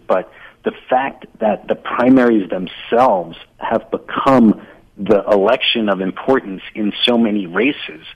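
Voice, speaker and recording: Low, husky American man, dull radio sound. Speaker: interview guest, author and former political candidate. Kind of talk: explanatory political interview.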